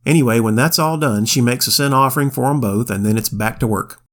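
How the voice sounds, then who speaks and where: A man's voice: mid-range voice, fairly quick, a bit bright. A man co-hosting a casual Bible study podcast, retelling scripture in folksy slang and quoting old King James wording. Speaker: podcast co-host reading the Bible.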